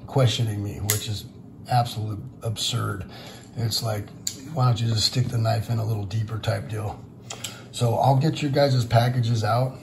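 A hoarse man who is losing his voice hosts a casual vlog as a silver stacker, rambling frustratedly with lots of fillers in a fairly low pitch. He's indoors at a table over silver bars, off screen with the camera pointed down at the table. Background noise is audible.

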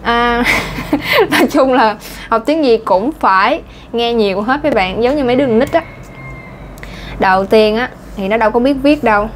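A woman with a Southern Vietnamese accent and a fairly high voice chats casually as an English pronunciation teacher. Her talk is full of fillers and little laughs, with slight background noise.

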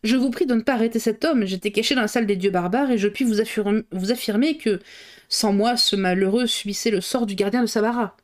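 A woman's voice: a little high, brisk, darkish tone, lightly acted. A woman voicing a bold, mocking middle-aged male detective in a novel read aloud. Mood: insistent.

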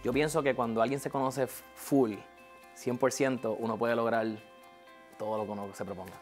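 Earnest Puerto Rican man, animated talk. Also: mid-range voice, moderate pace, soft background music. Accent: Puerto Rican Spanish. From Puerto Rico. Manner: earnest, animated, repeats words while thinking. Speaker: real estate agent, interview guest. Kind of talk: studio interview monologue. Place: TV studio.

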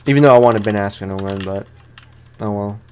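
A young gaming YouTuber with a lowish, smooth voice speaks briskly in casual, slangy let's play commentary. His informal reactions are animated and playfully exasperated.

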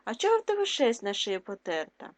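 A lean, hungry wolf who would rather starve than wear a chain, read aloud by a woman. He speaks bluntly and firmly, with a high voice. It is a plain storybook reading. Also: wildly swooping pitch, fairly quick. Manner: blunt, firm refusal. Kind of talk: reading a folk tale aloud.

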